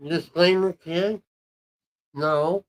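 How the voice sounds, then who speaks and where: A man in his sixties chatting as a guest on a livestream, gruff and joshing. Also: on the high side, steady tone, drawn-out words, low-quality recording. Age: 60s. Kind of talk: casual chat.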